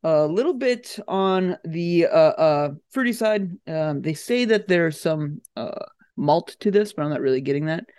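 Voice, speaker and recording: A man's voice: on the high side, expressive, measured pace, a little mellow, clear, resonant tone. A man co-hosting a podcast, chatting casually about beer with lots of fillers. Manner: laid-back, rambling with fillers. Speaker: podcast co-host. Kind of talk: casual chat.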